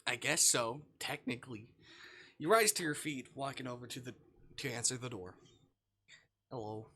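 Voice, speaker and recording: A man live streams himself reading a visual novel aloud, often stopping for casual, jokey asides, swearing and reacting to the story. His voice is medium-pitched, pushed and bright, at a moderate pace, with slight background noise.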